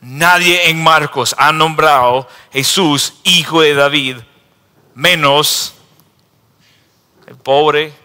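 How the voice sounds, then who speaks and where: Pastor man giving a slow sermon, voices the people he reads about, big echoey church hall. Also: fairly high pitch, sharp tone, clear, resonant tone.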